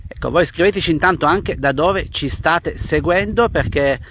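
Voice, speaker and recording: A man hosting a live outdoor interview, addressing viewers and pausing mid-phrase. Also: on the high side, noisy background. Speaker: host and interviewer of a live stream. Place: outdoors in the countryside.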